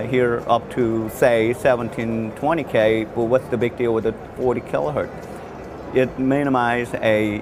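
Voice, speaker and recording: On a noisy trade show floor, a loudspeaker designer who isn't a native English speaker demonstrates his product off the cuff. His medium-pitched delivery is halting and repetitive, full of false starts.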